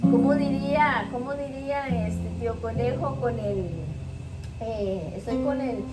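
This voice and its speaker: A woman hosting a podcast chat, halting now and then as she searches for words. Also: on the high side, loud music behind the voice. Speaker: podcast host. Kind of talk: casual interview chat. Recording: distant mic with clear background noise.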